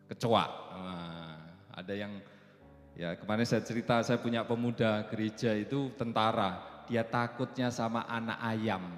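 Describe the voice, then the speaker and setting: Preaching man in an echoey hall. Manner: swings from loud high preaching to soft chatty storytelling, laughs often. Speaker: pastor. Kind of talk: sermon. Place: church hall. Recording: echoey church hall with reverb and faint music.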